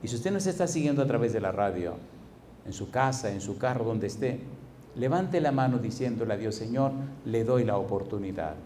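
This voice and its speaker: A man, a pastor with a Puerto Rican Spanish accent, preaching an evangelistic sermon with an altar call, swinging between loud pleading and hushed tones. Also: medium pitch, lively intonation, brisk, slight background noise. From Puerto Rico.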